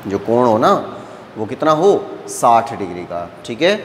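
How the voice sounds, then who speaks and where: A man teaching maths at a board, explaining slowly and patiently step by step and checking often that the students follow. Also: medium pitch, sing-song, fairly bright tone, in a large hall, a little hiss or hum. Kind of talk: classroom lecture at a board. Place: classroom with a board.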